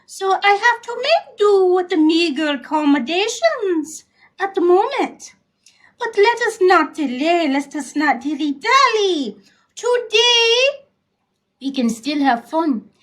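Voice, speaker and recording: A woman playing a glamorous, theatrical vintage-starlet talk show hostess, purring with affected, drawn-out diction. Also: very high voice, very animated, exaggerated voice. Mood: gushing, grand. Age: over 40. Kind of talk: comedic in-character talk show hosting.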